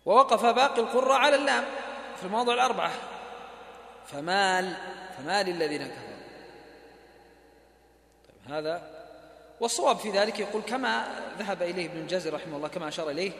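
A man's voice: high voice, lively intonation, rapid-fire, creaky, fairly bright tone. A man teaching recitation rules in a lecture, patiently explaining and chanting the examples he gives. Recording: echoey hall reverb.

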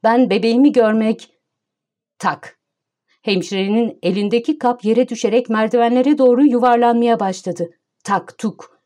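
A woman narrating an audiobook in a measured, storytelling manner. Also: a little high, a little mellow. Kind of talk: scripted narration.

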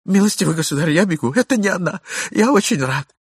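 A man's voice: high voice, animated, fast talker, slightly rough, no room sound, clean studio sound, voice pushed up, exaggerated voice. A man voicing a jealous, pompous middle-aged husband in a storybook reading, stiffly polite and easily rattled. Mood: flustered. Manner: indignant, stiff formal politeness.

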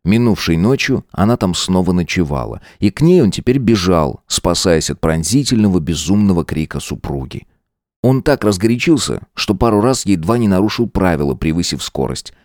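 Male audiobook narrator, low pitch, dry close sound, steady reading. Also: normal speed, dry recording. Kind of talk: scripted narration.

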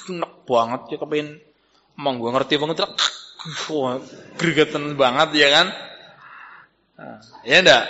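A man giving a religious lecture as preacher, telling stories and swinging between low, muttered asides and loud exhortation. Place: mosque hall. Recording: dull, reverberant mosque hall recording.

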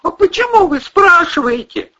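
A man's voice: very high-pitched, steady tone, slow pace, a bit bright, muffled recording, voice pushed up, heavily acted. A man reading aloud, voicing a frightened, bewildered young woman trapped in a cellar. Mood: confused. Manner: pleading, bewildered.

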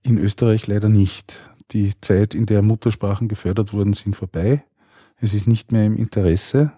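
A man, a teacher, answering interview questions in a calm, measured, explanatory way. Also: lowish voice, dry recording, clean studio sound.

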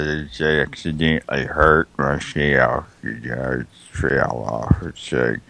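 A man voicing a muddled, halting caller who leaves a rambling phone message, trailing off and restarting. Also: very deep voice, creaky, a bit bright, no echo, pitched below the performer's own voice, heavily acted. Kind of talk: prank call message.

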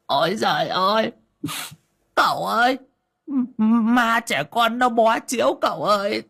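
A man's voice: on the high side, expressive, takes it slowly, creaky, bright, forceful tone, breathy edge, pitched above the performer's own voice, exaggerated voice. A man voicing a panicky older village man who whines and chatters. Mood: wailing. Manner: whiny, chattering.

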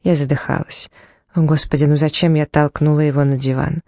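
A woman's voice: sits low, level tone, a little fast, warm tone, dry recording, studio quality. A woman reading a novel aloud in the first person, dramatically, acting out the dialogue as she tells it. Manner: dramatic, voicing dialogue in the telling. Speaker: audiobook reader.

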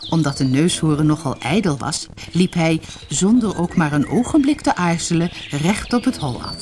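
A woman narrating a children's fairy tale in a lively, expressive read-aloud. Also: low-pitched, normal speed, a little hiss or hum. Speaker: audiobook narrator. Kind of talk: storybook reading.

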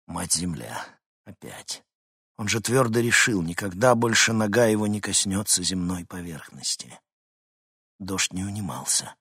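Husky low-voiced male audiobook narrator. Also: lively intonation, measured pace, a bit bright, no echo, clean studio sound. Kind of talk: scripted narration.

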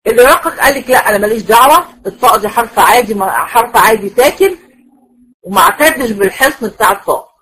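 Husky-voiced Egyptian woman teaching a class. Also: a little high, animated, fast talker, a bit bright, low-quality recording. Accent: Egyptian Arabic. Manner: explains patiently, repeats points, asks checking questions. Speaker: Quran recitation teacher. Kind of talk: classroom lecture.

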